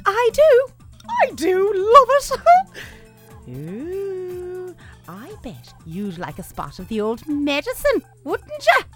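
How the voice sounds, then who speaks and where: A high, sing-song voice with a put-on Irish accent for a fussy, motherly space sidekick played by a woman in a comedy radio play. She chatters cheekily and scolds in swooping tones. Faint music sits behind. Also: wildly swooping pitch, slow, fairly bright tone, heavily acted. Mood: cheeky.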